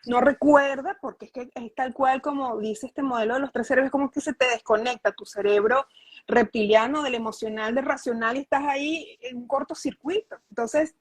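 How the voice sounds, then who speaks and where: A woman's voice: high-pitched, brisk, breathy edge, no echo, poor audio. A woman speaking earnestly in a conversational interview, explaining her views with rhetorical questions and frequent restarts.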